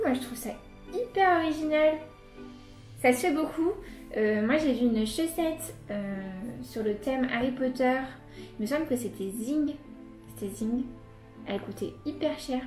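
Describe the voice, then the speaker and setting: A woman's voice: sits high, darkish tone. Chatty enthusiastic woman in echoey room. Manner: chatty and enthusiastic, many fillers. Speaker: unboxing vlogger. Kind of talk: casual unboxing chat. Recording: echoey room with light music.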